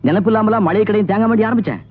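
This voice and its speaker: A man plays a rapid-talking village landowner, drily sarcastic and short-tempered with his family, in a higher male register. The sound is thin and phone-like, from an old film track with faint music under it. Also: a little hiss or hum, close to an everyday voice. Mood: defensive. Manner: quick, sardonic, quick-tempered toward his sisters. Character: debt-laden village landowner, older brother. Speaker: film actor.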